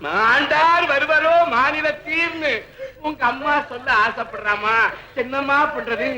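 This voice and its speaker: A man's voice: very high voice, unhurried, noisy background. An actor playing a middle-aged father who fusses and exclaims dramatically in a family comedy scene. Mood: exasperated. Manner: exclaiming, fussing. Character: fussy, dramatic father exasperated by his daughter.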